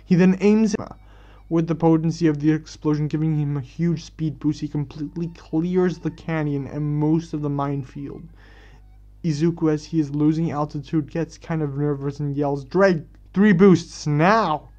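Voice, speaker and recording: A man's voice: fairly high pitch, steady tone, normal speed, mellow. Man reading a fan story, many restarts. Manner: stumbling restarts and self-corrections. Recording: dull lo-fi recording.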